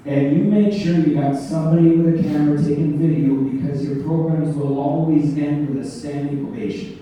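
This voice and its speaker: A man's voice: on the high side, normal speed, a little hiss or hum. Man lecturing in an echoey hall. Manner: animated, joking, storytelling. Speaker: public speaking trainer. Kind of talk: live seminar presentation. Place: large room with live audience. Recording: echoey hall, mic far off.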